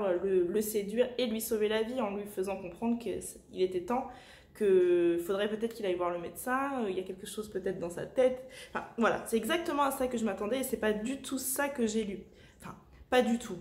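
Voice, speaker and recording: A woman book vlogger, talking casually at home with many filler pauses. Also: mid-range voice, darkish tone. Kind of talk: casual vlog chat. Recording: echoey room.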